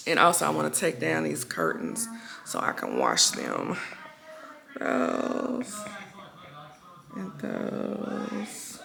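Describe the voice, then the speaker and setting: Gravelly-voiced woman vlogger with morning voice. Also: low-pitched, huge pitch swings, very slow, pauses often, a crowd in the background. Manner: chatty, talks straight to viewers, plans aloud. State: groggy morning voice. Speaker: lifestyle vlogger host. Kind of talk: casual chat to camera. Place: home kitchen.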